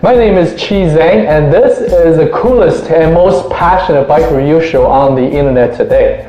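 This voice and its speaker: A man with a mellow, somewhat high voice hosts a review show in an upbeat, enthusiastic presenting style. His delivery is scripted and eager. The room adds a clear echo, and soft music plays underneath. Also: moderate pace. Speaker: host of a bike review show. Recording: roomy echo, faint music.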